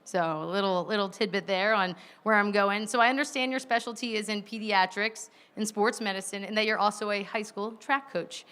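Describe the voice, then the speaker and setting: A woman's voice: medium pitch, steady tone, brisk, few pauses, fairly bright tone, clean tone. A woman moderating a live stage panel, introducing guests and asking questions in an upbeat, emcee-like way. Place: stage at a live outdoor event.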